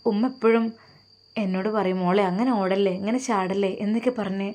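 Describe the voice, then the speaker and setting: A gentle, devout young woman, voiced by a woman, speaks with tender affection. Her voice is mellow and warm, in the even manner of an audio storybook. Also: medium pitch, fairly quick, close to an everyday voice. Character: gentle, devout young woman, soft-spoken daughter-in-law.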